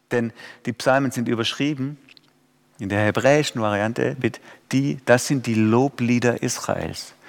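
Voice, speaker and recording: A man preaching a sermon, dropping to quiet and rising to loud pleading cries. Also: medium pitch, in a large hall.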